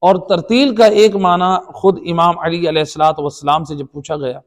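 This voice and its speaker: A man's voice: on the high side, fairly even intonation. A man with a Pakistani Urdu accent teaching the Quran in a religious lecture, explaining by repeating points and asking rhetorical questions. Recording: long hall reverb.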